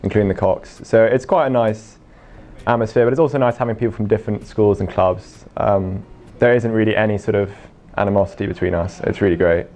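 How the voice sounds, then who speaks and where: A man's voice: lowish voice, steady tone, fairly quick, darkish tone. A young man in his late teens talking in an easygoing, positive way in an interview. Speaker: junior rowing crew member. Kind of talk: casual interview answers.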